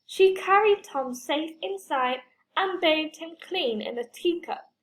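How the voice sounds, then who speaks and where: A woman reading a children's story aloud, expressive and playful with sound words. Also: extremely high pitch, takes it slowly.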